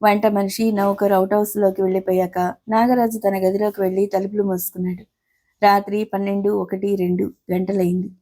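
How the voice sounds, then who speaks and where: Storyteller: middle-aged woman, dark warm tone, scripted narration, characters read in her own voice. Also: mid-range voice, little pitch movement, brisk.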